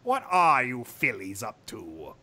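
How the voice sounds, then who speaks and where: A woman voicing a sly, suave male trickster creature with grandiose, drawn-out politeness in a story read aloud. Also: extremely low pitch, wildly swooping pitch, bright, forceful tone, voice pushed down, exaggerated voice. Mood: wry, suave. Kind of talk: comic fan fiction read-aloud.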